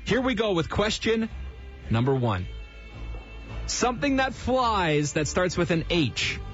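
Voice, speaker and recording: A man's voice: high-pitched, very animated, measured pace, fairly bright tone. A man hosting a radio prize contest in an upbeat, exclamatory, chatty game-show style. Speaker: radio host running a phone-in prize contest. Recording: dull radio broadcast, music behind. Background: music bed.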